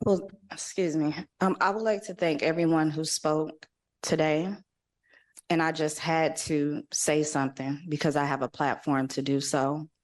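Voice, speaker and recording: A woman board member speaks earnestly at a public meeting, pausing often on ums. Her voice sits very low and stays flat.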